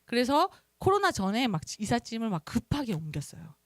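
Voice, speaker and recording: A middle-aged woman missionary giving an animated testimony in a sermon, acting out the words she and others said. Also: fairly high pitch, brisk, no room sound. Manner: animated storytelling, acts out her own quoted speech.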